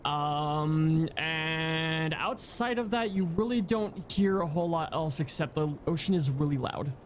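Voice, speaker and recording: A young man with a high voice runs a tabletop game over voice chat, narrating in a halting way full of ums and fresh starts. A light hiss of noise sits behind him on his home mic. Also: animated. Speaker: game master. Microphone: home microphone on voice chat.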